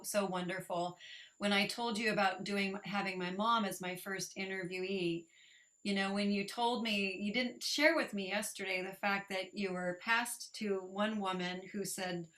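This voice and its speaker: A woman's voice: mid-range voice, bright, forceful tone, low-quality recording. A woman hosting a conversational interview, attentive and affirming as she responds to her guest. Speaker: interview host.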